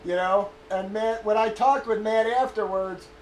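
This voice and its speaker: A man with a high-set voice chats loosely and profanely, stalling and circling back as he hunts for a name. He sounds like he is in an echoey room. A faint hum of ambience sits underneath. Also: steady tone, measured pace. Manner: profane, storytelling, trails off searching for names. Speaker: streamer. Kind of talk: casual rambling chat.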